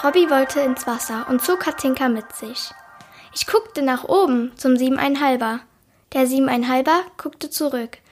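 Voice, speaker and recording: A woman's voice: high-pitched, moderate pace, music in the background. A young woman introduces herself, then reads a passage from a novel aloud in a plain, careful way. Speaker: student reader. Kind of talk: reading a book passage aloud.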